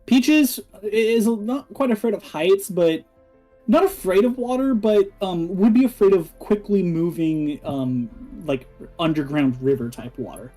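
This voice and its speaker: A man's voice: high-pitched, a little slow, warm tone, faint music behind. Man on a clipping, distorted mic. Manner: loose, rambling with fillers. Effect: clipping, distorted mic from too much gain. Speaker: dungeon master. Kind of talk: narrating a tabletop game.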